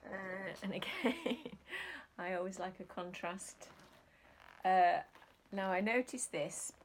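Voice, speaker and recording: A woman's voice: mid-range voice, animated, takes it slowly, slight background noise. A woman chatting casually about her resale finds, rambling and hesitant with many ums. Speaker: reseller vlogger. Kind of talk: casual chat.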